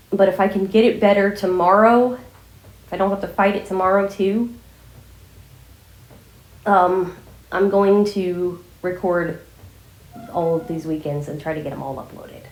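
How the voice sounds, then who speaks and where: A woman talking casually in a rambling, informal vlog style while fighting a cold and a scratchy sore throat. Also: lowish voice. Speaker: vlogger addressing viewers. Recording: echoey room.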